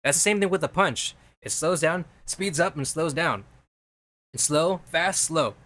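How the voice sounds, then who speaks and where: A man's voice: on the high side, a little slow, pushed and bright. A man streaming, casually teaching video editing while reviewing viewer edits, rambling and repeating himself as he explains things step by step.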